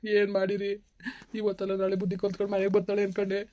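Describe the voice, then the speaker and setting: A man's voice: high-pitched, completely flat delivery, fast, darkish tone, no room sound. A man playing a grieving widower in a village skit, lamenting and self-pitying. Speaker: widowed son-in-law. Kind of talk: village comedy skit acting.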